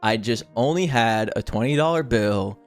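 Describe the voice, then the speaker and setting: A man's voice: mid-range voice, animated, normal speed, soft background music. A man in his twenties telling a story to a chat in a casual, slangy, conversational way. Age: 20s. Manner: conversational, slangy, acts out quoted dialogue.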